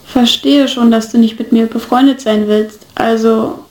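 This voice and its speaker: A woman's voice: a little high, fairly even intonation, measured pace, a little mellow, lightly acted. A woman voicing a grumpy, prickly young man who snaps and stammers, in an echoey room. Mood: flustered. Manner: snappish and flustered.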